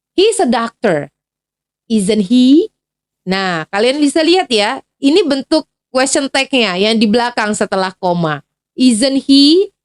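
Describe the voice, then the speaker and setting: A woman from Indonesia explains an English grammar lesson in a relaxed, chatty teaching voice that sits a little high. She keeps correcting herself as she goes. The sound is close and dry, with no room echo. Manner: casual and chatty, with fillers and self-corrections.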